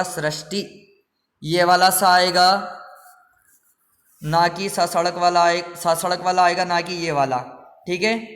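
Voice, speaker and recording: A man's voice: high-pitched, fairly bright tone, big-room sound. A male Hindi grammar teacher giving an exam-prep lesson, asking each word back to his viewers as a question and repeating the answer.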